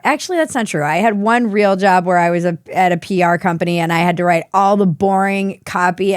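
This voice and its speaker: A woman's voice: mid-range voice, dry recording. A woman hosting a podcast, telling candid stories in a casual conversation on a close studio mic. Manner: candid, quick storytelling. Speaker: podcast host.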